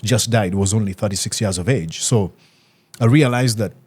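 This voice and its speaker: A young man from Uganda speaks in a slightly low voice, answering questions about his book. He talks earnestly but haltingly, pausing on fillers and restarting his sentences. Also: darkish tone, husky. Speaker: author being interviewed. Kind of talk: reflective interview answers.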